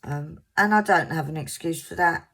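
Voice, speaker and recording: Originally Scottish, this woman in her fifties vlogs about crafting at a moderate pace, her soft, creaky voice sitting low and carrying a mixed southern English accent. Her talk to viewers is casual and meandering, with occasional stumbles over words.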